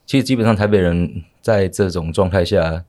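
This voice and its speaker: A man's voice: low-pitched, normal speed, a little mellow. A man with a Taiwanese Mandarin accent chatting on a podcast, laying out his idea step by step. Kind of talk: casual podcast discussion.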